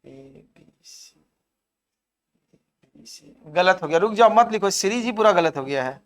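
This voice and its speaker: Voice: mid-range voice, animated, fairly quick. A reasoning teacher, giving a live classroom lecture, counting aloud and urging students to answer. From Jharkhand.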